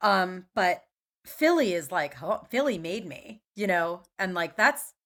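A woman's voice: fairly low pitch, lively intonation, unhurried, fairly bright tone. A woman in her forties from Philadelphia, a podcast guest chatting casually with lots of fillers and restarts. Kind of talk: casual conversation.

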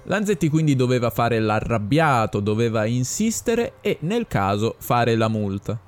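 A man narrating a short story and voicing the conductor, expressive and theatrical. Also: medium pitch, unhurried, soft background music. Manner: expressive, acting out the characters. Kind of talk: audiobook story reading.

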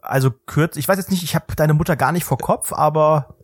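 A man's voice: on the high side, brisk, dry recording. Rambling ironic young man, dry close sound. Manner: rambling, many fillers and restarts, dry ironic humor. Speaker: podcast co-host. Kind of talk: casual podcast banter.

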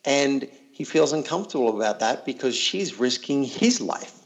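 A man's voice: mid-range voice, lively intonation, moderate pace. A man working as a coach, talking earnestly and reflectively in a casual interview, often repeating words as he thinks.

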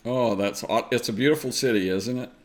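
A man's voice: medium pitch, fairly quick. A man with a Southern US accent hosting an interview show, chatty and upbeat, with lots of uh fillers. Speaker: podcast host. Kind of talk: friendly conversational interview.

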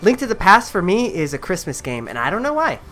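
A woman's voice: lowish voice, sing-song, quick pace, music in the background. A woman hosting a podcast, chatting casually and rambling with many fillers. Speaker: podcast host.

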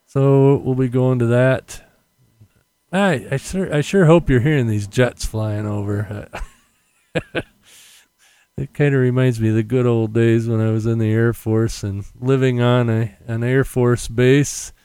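A man's voice: medium pitch, steady tone, measured pace, dark tone, clean tone, no echo. American man with popping p's, casual podcaster. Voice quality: popping p sounds on the mic. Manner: rambling, self-correcting. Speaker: podcast host. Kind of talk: casual unscripted solo podcast chat. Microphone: condenser mic without windscreen.

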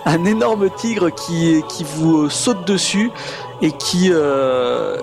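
A man improvising tabletop game narration as game master, in a hesitant, halting way, with music behind him. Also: a little high, animated, vocal fry.

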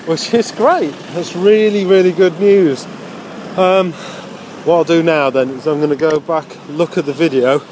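Guy doing a casual video diary on the go, rambling a bit, really loud traffic and train noise. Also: on the high side. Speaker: amateur stand-up comedian vlogging. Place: on trains and outdoors in the city. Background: loud vehicle and urban noise.

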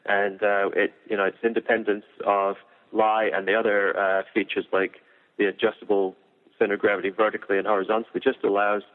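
A man's voice: lowish voice, level tone, brisk. A man, a golf equipment engineer, explaining driver technology in detail with frequent fillers. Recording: tinny phone-like audio.

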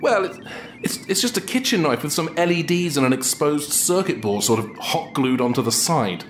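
A man's voice: on the high side, expressive, normal speed, faint music behind, lightly acted. A man playing an exasperated, sarcastic sidekick who stammers when flustered, in an audio drama.

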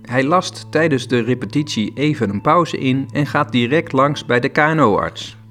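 A man presenting a science podcast in scripted narration, explaining ideas clearly. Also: medium pitch, moderate pace, fairly bright tone, faint music behind.

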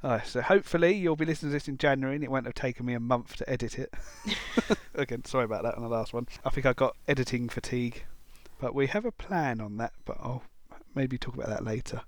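A man's voice: medium pitch, quick pace. A man hosting a wildlife podcast in casual chat, jokey and self-deprecating, reading out listener messages. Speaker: podcast host.

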